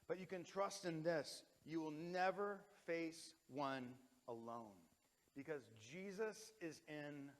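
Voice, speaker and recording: A pastor in his thirties delivering a sermon in a church, swinging between loud emphatic lines and hushed, quiet ones. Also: on the high side. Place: church sanctuary. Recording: long hall reverb.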